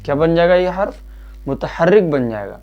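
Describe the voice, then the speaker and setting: A man teaching a Quran reading lesson, patiently asking questions and answering them himself, and drilling letter sounds slowly. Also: a little high, very animated, lo-fi sound. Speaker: religious teacher.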